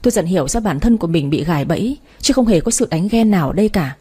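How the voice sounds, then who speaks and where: A woman narrates a first-person story aloud with steady, even delivery. Her voice is mellow and warm, with a soft breathy edge. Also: fairly low pitch, quick pace.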